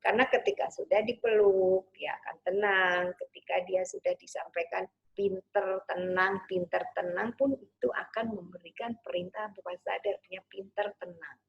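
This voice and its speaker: A woman parenting coach giving a gentle online talk, sometimes acting out soothing words to a child. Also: mid-range voice, steady tone, normal speed, vocal fry, husky, highs cut off.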